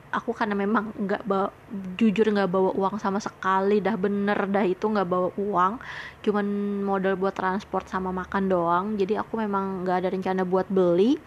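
A woman's voice: mid-range voice, level tone, moderate pace, dull audio, slight background noise. A young woman hosting a podcast, telling a personal story in a casual, chatty way, full of fillers and retold conversations, earnest and grateful. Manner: chatty, leans on frequent fillers and retells conversations. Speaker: podcast host.

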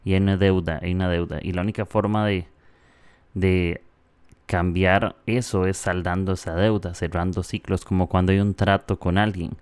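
This is a Costa Rican man in his thirties talking to his podcast listeners in a casual, reflective monologue. His voice sits low and comes across smooth and resonant, with a dry, close sound and no room around it. He drifts along easily and drops in "eh" between thoughts. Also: level tone, moderate pace, no room sound. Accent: Costa Rican Spanish. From Costa Rica. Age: 30s. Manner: warm, chatty, with frequent "eh" fillers. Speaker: podcast host.

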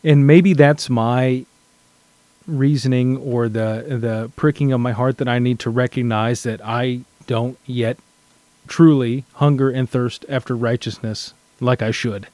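A man's voice: mid-range voice, steady tone, a little slow, darkish tone, dry recording. A man sharing his thoughts in a casual scripture study discussion, earnest and reflective, often restarting his sentences.

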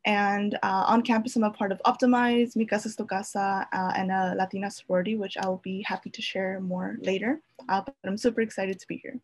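A woman's voice: mid-range voice, fairly even intonation, fairly quick. A young woman from California introduces herself on a student panel. She sounds upbeat and enthusiastic, with a mid-range voice. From Fresno, California, USA. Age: young adult.

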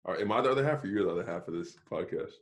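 Casting note: male co-host, lowish voice, relaxed chat with stammered restarts. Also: racing. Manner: easygoing, stammers and repeats words, laughs often. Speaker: podcast co-host. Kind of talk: casual chat.

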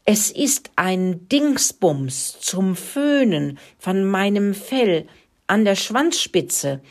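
A woman voicing a timid, trembling male forest critter in a storybook reading, breathy and shy. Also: mid-range voice, animated, slow, a little mellow, pitched above the performer's own voice.

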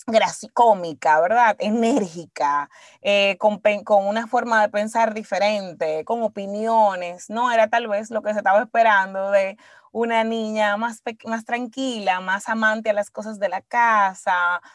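Woman, Dominican accent, Spanglish, casual interview talk, reflective, emphatic, mid-pitched, dry sound. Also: steady tone, unhurried, no room sound. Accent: Dominican Spanish. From Dominican Republic. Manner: mixes English words into Spanish (Spanglish). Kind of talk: casual conversational interview, personal storytelling.

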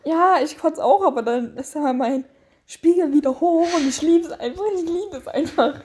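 High-voiced gushing young-sounding woman. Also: moderate pace, dark tone. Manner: eager, gushing, stumbles over words. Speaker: co-host. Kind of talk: casual chat.

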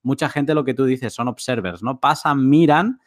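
A man's voice: mid-range voice, moderate pace, dry recording, clean studio sound. A man hosting a casual talk, summing up points for listeners in a conversational way. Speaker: host.

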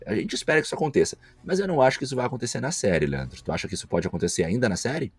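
A man's voice: medium pitch, big pitch swings, rapid-fire, husky, dry recording. A Brazilian man co-hosting a casual pop-culture podcast, thinking aloud and often checking in with his co-host.

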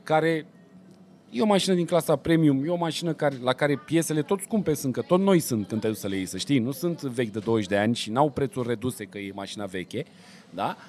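A man hosting a casual chat, often agreeing briefly and hunting for words before arguing with animation. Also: medium pitch. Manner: frequent short agreements, hesitant fillers, then animated arguing.

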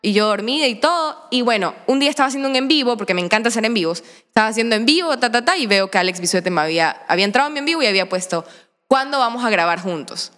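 This is a young woman with an Ecuadorian accent who talks in a lively, chatty way and sits a little high in her range. She keeps slipping into shrill voices to act out how she reacted. The room adds a long reverb tail. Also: racing, hardly any pauses. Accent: Ecuadorian Spanish. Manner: animated, acts out her own past reactions in squealing high voices. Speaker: guest. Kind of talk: casual storytelling.

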